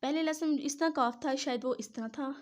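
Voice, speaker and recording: A woman patiently teaching how to join Arabic letters, step by step, pausing often to check in. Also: high-pitched. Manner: patient, says "theek hai" between each step. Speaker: Quran teacher. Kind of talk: step-by-step writing lesson.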